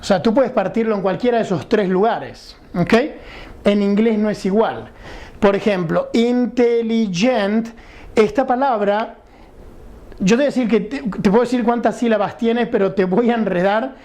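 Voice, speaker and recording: A man's voice: high-pitched, normal speed, a little mellow. A man giving a recorded English lesson, explaining patiently and often checking that students follow. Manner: patient, explanatory, asks rhetorical questions and checks understanding. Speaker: English teacher.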